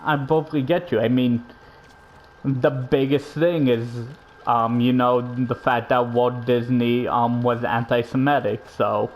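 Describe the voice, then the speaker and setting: Male co-host, filler-heavy rambler with casual swearing, mid pitch. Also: fairly even intonation, a little slow, low-quality recording. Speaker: podcast co-host. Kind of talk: casual chat.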